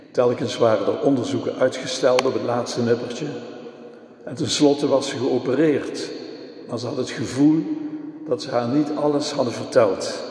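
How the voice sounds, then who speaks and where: A man giving a Christmas sermon, telling stories in a slow, measured way. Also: mid-range voice, warm tone. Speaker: preacher. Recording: echoey church with long reverb.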